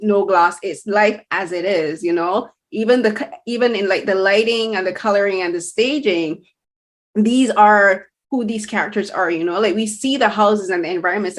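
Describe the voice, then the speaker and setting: Chatty woman interviewer from Barbados. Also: mid-range voice. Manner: chatty, restarts and rephrases often. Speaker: interviewer host. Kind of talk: casual interview.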